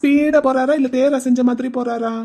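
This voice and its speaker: A cheeky young uncle from a cartoon teases in quick, breezy talk. The voice sits fairly high with a mellow, warm tone. It is cartoon voice acting. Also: female voice, steady tone. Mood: teasing. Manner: teasing, breezy, fast-talking.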